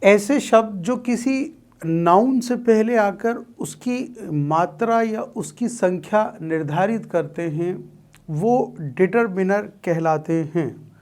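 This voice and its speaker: A man teaching a grammar lesson for exam students, speaking deliberately and quizzing his listeners by repeating key terms as questions. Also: high voice, darkish tone.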